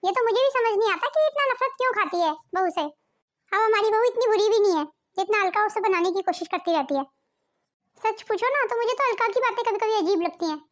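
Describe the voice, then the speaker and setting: Woman voicing a cartoon mother-in-law, gentle, fair, patient, very high voice. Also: brisk. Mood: reasoning.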